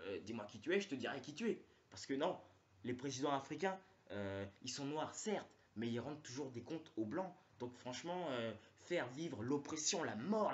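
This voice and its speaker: Male comic rambling through a slangy rant, mid-range voice, muffled lo-fi recording. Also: medium pitch. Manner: rambling, slangy, full of fillers. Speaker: comedian. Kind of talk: stand-up comedy monologue.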